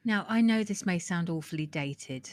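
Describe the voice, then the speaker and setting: A woman's voice: fairly low pitch, lively intonation, normal speed. Chatty, giggly woman co-hosting a podcast. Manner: chatty, giggly, explains in lists with many restarts. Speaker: podcast co-host. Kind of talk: casual chat.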